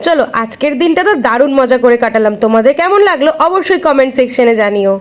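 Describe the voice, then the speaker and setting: A woman's voice: sits high, animated, fast talker. A woman narrating a casual day-out vlog, chatting straight to her viewers. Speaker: vlogger.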